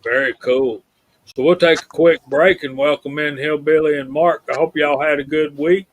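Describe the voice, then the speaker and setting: A man's voice: on the high side, moderate pace. A man hosting a casual live stream and reading out viewer names. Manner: reads out viewer names in a steady list.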